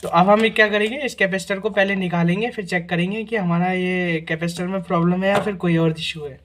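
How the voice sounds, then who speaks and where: A man's voice: sits high, fairly even intonation, brisk, background noise. A man hosting a repair tutorial, walking through each test step by step and often checking in with "guys" and "theek hai na". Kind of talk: casual hands-on repair demonstration.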